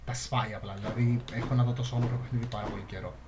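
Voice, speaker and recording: A man's voice: mid-range voice, steady tone, noisy background. A young man with a Greek accent giving casual, chatty commentary while playing a game. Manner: chatty, laughs often, reads game text aloud. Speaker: gaming channel host.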